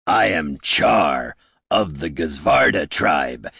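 A hulking orc chieftain, speaking very deep and gravelly. He booms slowly and commandingly, proud and menacing, in a storybook reading. The recording is dry and close. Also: expressive, pushed and bright, no echo, heavily acted. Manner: slow, booming and commanding. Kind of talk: audiobook character voice.

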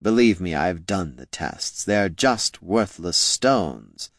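A man voicing an undead male lich wizard, speaking slowly in a hollow, scornful, condescending way. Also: low voice, lively intonation, a bit bright, dry recording, clean studio sound, exaggerated voice. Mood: mocking. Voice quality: hollow, slow and drawn-out. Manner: condescending, dryly mocking.

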